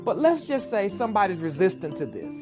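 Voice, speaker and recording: A woman giving measured, persuasive relationship advice in a documentary interview. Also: mid-range voice, very animated, over music. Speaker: relationship speaker.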